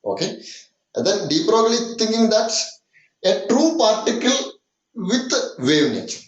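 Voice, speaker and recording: Slow-talking Malayali man teaching a lesson. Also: sits high, sing-song, roomy sound, highs cut off. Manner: mixes English with Malayalam, slow and repetitive, with many "okay"s. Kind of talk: classroom lecture.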